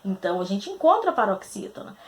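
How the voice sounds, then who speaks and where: A woman teacher from Brazil going through quiz answers, asking questions aloud, answering them herself and spelling out syllables slowly. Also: medium pitch, very animated. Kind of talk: recorded grammar lesson.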